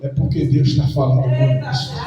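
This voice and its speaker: A pastor preaching a lively sermon to his congregation, swinging between loud calls and quiet asides. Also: medium pitch, moderate pace, muffled recording, over a noisy crowd. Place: church hall. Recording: echoey hall, distant mic, faint music.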